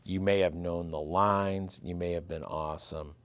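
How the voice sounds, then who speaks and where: A man in his fifties with a Michigan accent, his voice low and fairly even, speaking at a normal speed on a dry recording. He's a writer and producer appearing as a guest in a casual interview, telling his story in an easygoing way.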